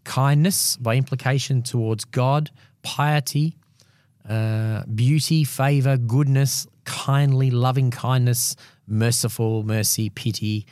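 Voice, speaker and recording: A man co-hosting a podcast, talking quickly through Bible passages in casual chat with restarts. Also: mid-range voice, fairly even intonation, a little mellow, no echo, clean studio sound. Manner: quick, thinking aloud with restarts. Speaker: podcast co-host.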